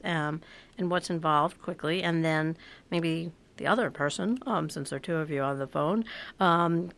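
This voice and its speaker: A woman hosting an interview and putting questions in a conversational way. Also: fairly low pitch. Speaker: interviewer, host.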